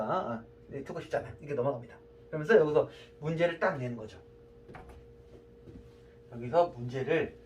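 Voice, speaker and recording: A woman's voice: a little high, far from the mic. A woman party MC teaching her routine, playfully acting out quiz calls and countdowns. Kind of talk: instructional talk acting out MC patter.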